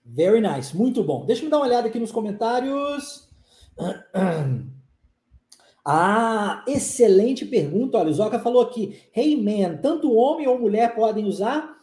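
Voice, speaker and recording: A woman's voice: on the high side, big pitch swings, unhurried, warm tone, roomy sound. A woman with a Brazilian Portuguese accent teaches English in a live-stream lesson, reading out viewer comments, upbeat and repeating phrases for students to drill.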